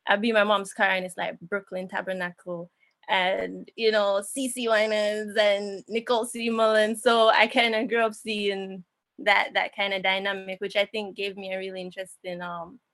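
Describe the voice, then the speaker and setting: A young woman from Jamaica talks through her background in an unhurried, reflective way. She leans on fillers like "um" and "like" and restarts her sentences. Her voice is mid-pitched and sits close and dry, with no room sound around it. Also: level tone, a bit bright, dry recording. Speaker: interviewer and musician. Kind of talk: casual conversation.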